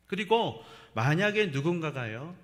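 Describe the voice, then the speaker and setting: A man's voice: on the high side, a little slow. Middle-aged pastor guy preaching, acts out quotes, voice jumps all over, big echoey sanctuary. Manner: animated storytelling, acts out quoted lines. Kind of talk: sermon. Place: church sanctuary. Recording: long church reverb.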